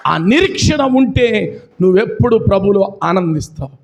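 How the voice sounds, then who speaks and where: A man's voice: expressive, moderate pace, vocal fry. A male pastor with a Telugu accent, preaching a sermon and calling out to his congregation. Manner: preaching with big swings in pitch, calling out to the congregation.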